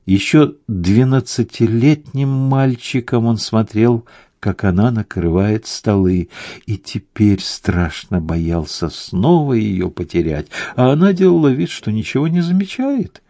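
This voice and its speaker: A man narrating a novel as an audiobook in a measured storytelling manner. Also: fairly low pitch, lively intonation, mellow, no room sound, clean studio sound.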